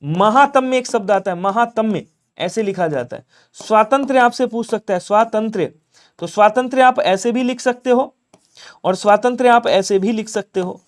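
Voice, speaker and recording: A man's voice: high voice, normal speed. A man teaching an online exam-prep Hindi class, walking through answers step by step and putting questions to his students, then answering them himself.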